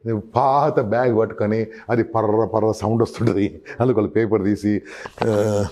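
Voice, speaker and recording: A man's voice: on the low side, fairly even intonation, fairly quick, warm tone. A man giving emphatic sales advice in an interview, often calling the listener boss and acting out customer exchanges. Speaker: sales trainer guest.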